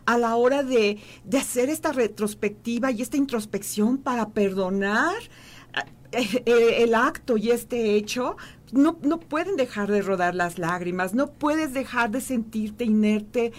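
A woman, a guest in an emotional interview, speaking heartfelt and pausing often. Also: fairly high pitch.

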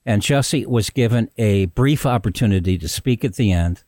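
A man's voice: on the low side, normal speed, mellow, dry recording. Guy hosting a podcast, chatty and emphatic, dry close sound. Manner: conversational, emphatic. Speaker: podcast host. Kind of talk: podcast commentary.

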